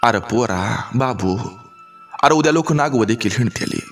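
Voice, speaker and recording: A man's voice: medium pitch, expressive, normal speed, a bit bright, soft background music. A man voicing a scolding village mother who speaks in rustic dialect, in a storybook reading. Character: sharp-tongued village mother, scolding her son.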